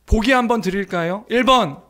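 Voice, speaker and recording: A man's voice: high voice, moderate pace, pushed and bright. A man preaching a sermon as pastor, asking the congregation questions and acting out quoted blessings with rising force.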